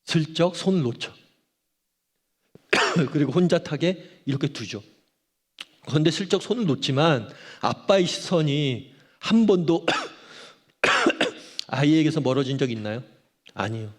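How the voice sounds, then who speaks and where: A man preaching a Sunday sermon with an emphatic delivery, firing questions at the congregation to drive his point home. His voice sits a bit high for a man and rings with the long reverb of a large hall. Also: animated, measured pace, long pauses. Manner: emphatic preaching, asks the congregation questions and acts out cries to God. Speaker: pastor. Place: church auditorium.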